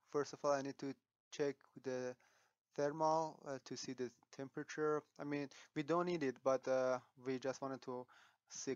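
A man walks through a software tutorial, pausing on fillers and restarting sentences as he thinks aloud. His voice is smooth and mid-pitched. It is recorded dry and a little dull. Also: no echo.

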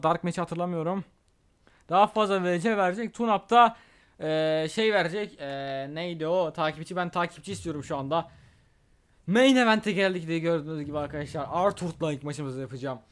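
A young gaming YouTuber with a high-sitting voice talks through a wrestling video game in casual Let's Play style. He gets excitable, trash-talks his opponent, and shouts at big moves.

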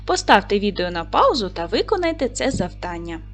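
A woman teacher giving a video lesson for young pupils, with clear, patient instructions and pauses for tasks. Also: mid-range voice, sing-song, faint music behind. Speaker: primary school teacher.

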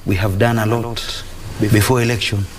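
Here the same Kenyan-accented religious leader sounds lower and flatter, speaking at a moderate pace, though his TV interview answers remain impassioned, repetitive and exhorting. The lapel mic picks up an echoey studio and slight background noise.

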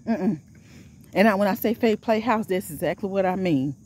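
A woman's voice: mid-range voice, normal speed, dark tone, husky. A middle-aged woman vlogging while walking outdoors. She is out of breath and preaches with a repetitive, exhorting style.

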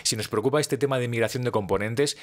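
Fast-talking man explaining food safety. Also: mid-range voice. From Spain. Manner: quick, animated, gesturing with both hands. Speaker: food science presenter. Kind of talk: explainer talk to camera. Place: home office with bookshelves. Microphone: studio condenser mic on a stand in front.

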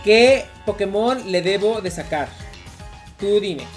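Mexican girl streamer cussing thru her game, quick rambly, faint game music. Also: medium pitch, animated. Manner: profane, quick, repeats herself, ranty. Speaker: gaming streamer. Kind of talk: casual gameplay commentary.

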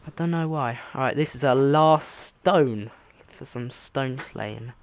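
A man's voice: mid-range voice, slow. A man giving casual let's play commentary on a game, rambling and easily amazed. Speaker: gamer commentating a playthrough.

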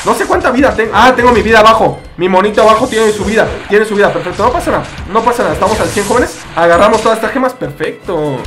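A man's voice: high-pitched, quick pace, hardly any pauses, a bit bright, faint music behind. A young man with a Mexican Spanish accent, joking and rambling through a running commentary as he plays a mobile game. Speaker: gaming video creator. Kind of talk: playing a mobile game on camera.

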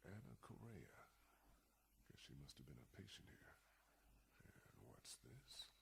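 A man playing a calm, observant, weary survivor in a video game, musing in a low-key colloquial way. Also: slow pace, gravelly, background noise, full character voice.

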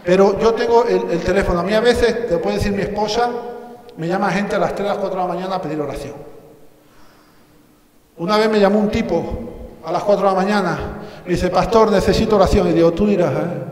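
High-voiced Spanish pastor in echoey hall. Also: male voice, fairly quick, long pauses, a little mellow. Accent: Spanish from Spain. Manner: storytelling, jokey asides, acts out dialogue. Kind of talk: sermon with humorous anecdotes. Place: church hall. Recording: echoey hall with long reverb.

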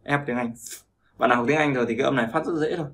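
A man's voice: mid-range voice, rapid-fire, a bit bright. Male teacher. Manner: repetitive, keeps checking with listeners. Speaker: language teacher. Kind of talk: explaining pronunciation lesson.

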